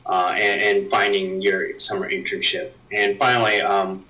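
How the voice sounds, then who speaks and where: A man in his thirties from the United States introducing himself as a student career mentor, halting with many ums and uhs. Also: low-pitched, little pitch movement, bright, forceful tone, distant mic, low-quality recording. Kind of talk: self-introduction.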